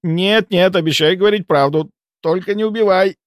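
A man's voice: a little high, expressive, no room sound, clean studio sound, voice pushed up, natural voice. A man voicing a cowardly male healer who pleads and whines for his life. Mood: begging. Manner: pleading, whining, fast-talking.

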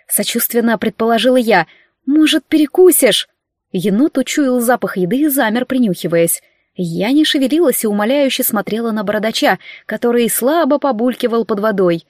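A woman reading a first-person novel aloud as an audiobook, in a lively, wry storytelling manner. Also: on the high side, dry recording, studio quality. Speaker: audiobook reader.

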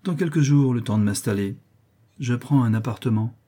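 Man doing young lawyer, calm, determined, mellow, husky. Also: medium pitch, normal speed, lightly acted. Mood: firm. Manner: calm, firm.

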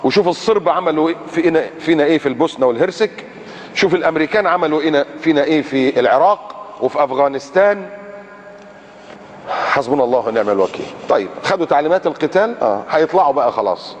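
A man preaching with an Egyptian Arabic accent, dramatic, asking rhetorical questions and swinging from loud highs to low murmurs. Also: expressive, racing. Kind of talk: sermon. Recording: long hall reverb, faint background noise.

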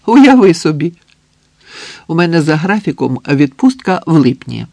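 Man voicing a young woman, cheerful, teasing, bubbly, raised bright voice, audiobook, dry close sound. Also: sits low, very animated, normal speed, no echo, pitched above the performer's own voice, full character voice. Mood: excited. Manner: playful, bubbly, bossy banter.

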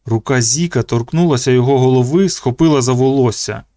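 A man reading a novel aloud as a narrator, in a steady, measured storytelling voice. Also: medium pitch, no room sound, clean studio sound. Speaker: audiobook narrator. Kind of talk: scripted narration.

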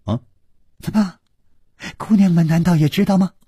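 A man voicing a suave, witty young swordsman who drawls in a low, wry tone. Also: big pitch swings, normal speed, darkish tone, slightly rough, no room sound, studio quality, heavily acted.

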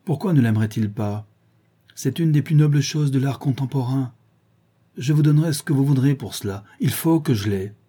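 Lord Henry, a man voicing a brisk cynical aristocrat. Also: mid-range voice, dark tone, breathy edge, voice pushed up, close to an everyday voice. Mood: eager. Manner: brisk, teasing. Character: witty cynical male aristocrat.

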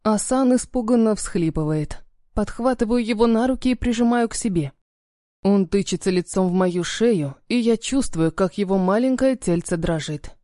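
A woman reading a novel aloud as narrator in an even, measured manner. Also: medium pitch, dry recording, studio quality. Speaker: audiobook narrator. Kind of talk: scripted narration.

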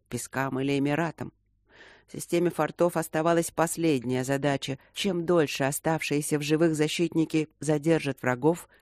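Measured male audiobook narrator. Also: fairly high pitch, darkish tone, no echo, studio quality. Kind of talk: scripted narration.

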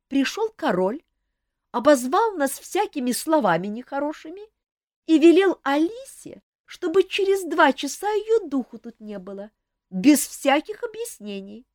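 Woman voicing a lazy drawling court gossip, lively high voice, dry sound. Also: dry recording. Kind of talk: audiobook character reading.

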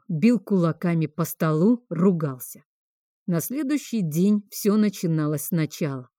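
A woman reads a first-person audiobook in a steady, somber manner. Her voice is low-set and mellow. The recording is close and dry. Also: no room sound. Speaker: audiobook narrator.

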